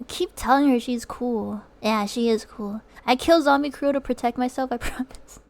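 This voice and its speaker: This art streamer, a young woman, has a gravelly voice on the high side and talks at a moderate pace. She chats casually with her viewers while drawing, giggling a lot and reading their messages aloud.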